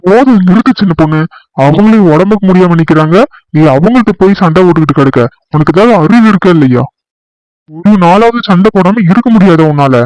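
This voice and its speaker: A man in a comedy skit scolding sternly, sounding weary and fed up. His voice is smooth and clear and sits fairly high, recorded dry and close. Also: lively intonation, fairly quick, a little mellow, dry recording, poor audio.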